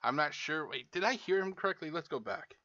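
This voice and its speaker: A man's voice: a little high, lively intonation, fairly quick, bright, forceful tone, no room sound, dull audio. A man hosting a reaction video, ranting in exasperation and swearing constantly as he mocks what he hears. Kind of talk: profane ranting reaction commentary.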